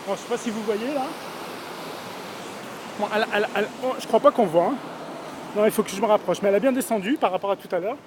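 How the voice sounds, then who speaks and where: Rambling high-voiced young man on a phone. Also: fast, pauses often. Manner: rambling, self-contradicting and mock-serious, swearing then taking it back. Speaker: vlogger doing a mock street report. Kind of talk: rambling comic monologue. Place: outdoors in a town street at night, near a river. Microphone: phone held in hand. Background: faint river noise.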